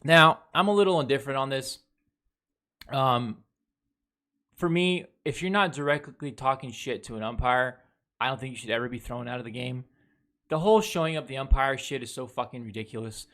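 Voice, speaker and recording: A man's voice: medium pitch, moderate pace, a bit bright. A man runs through a baseball series recap in a loose, casual way. He is blunt and swears freely while breaking down plays from footage. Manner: blunt and heavily profane; talks over game footage, reviewing plays. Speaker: baseball fan commentator. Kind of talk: casual sports recap commentary.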